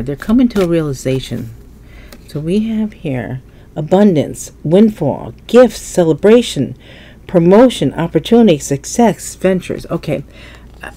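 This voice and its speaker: The tarot reader, a woman with a stuffy nose, has a low, dark-toned voice and thinks aloud while turning cards in a casual reading. The camera shows only her hands at an indoor table, and there's a faint hiss or hum.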